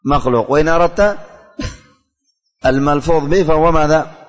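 A man's voice: on the high side, fairly quick, in a large hall. A man teaching a religious studies class, calling on students by name, asking questions and repeating the answers.

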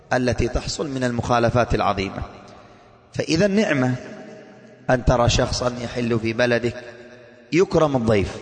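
A man delivers a sermon to a gathered congregation, asking rhetorical questions and answering them. His voice sits a little high for a man, and it rings with a long reverb from a large mosque hall. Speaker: preacher. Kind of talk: Friday-style sermon to a congregation.

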